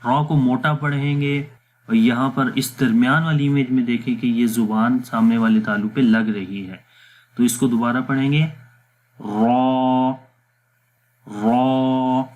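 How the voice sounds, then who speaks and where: In a voice-over lesson, a man patiently walks through Quran letter pronunciation step by step, stretching out demonstration syllables slowly. His pitch is medium and his tone steady. He mixes in English words, pauses with fillers, and moves between explanation and recitation drills.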